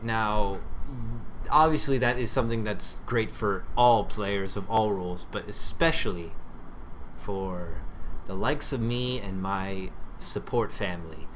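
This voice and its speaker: A man's voice: mid-range voice, a bit bright. A man doing amateur esports caster commentary on a game stream, chatty and repetitive. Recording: home stream with background game noise. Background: game sounds and announcer.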